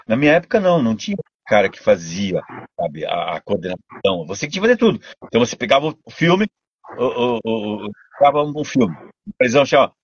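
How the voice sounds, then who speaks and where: An older man with a Brazilian Portuguese accent, a voice actor and dubbing director telling stories in a casual interview, animated and full of restarts. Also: medium pitch, breathy edge, dry recording, lo-fi sound. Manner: animated storytelling, many restarts.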